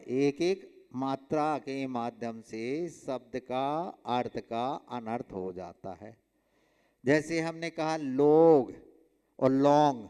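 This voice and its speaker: Slow, resonant monk teaching in a hall. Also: male voice, fairly high pitch, darkish tone, smooth. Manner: slow, emphatic, drills pronunciation with repeated examples and questions to students. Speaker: Jain monk teaching a religious class. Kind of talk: explanatory religious lesson. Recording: long hall reverb.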